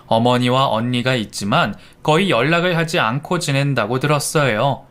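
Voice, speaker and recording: A man narrating a first-person radio drama in a calm, measured storytelling voice. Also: mid-range voice.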